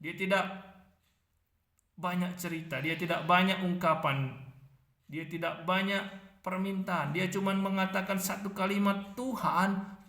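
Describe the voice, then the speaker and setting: A man's voice: sits high, bright, forceful tone, reverberant. A man preaching a sermon, emphatic, building his points through repeated phrases.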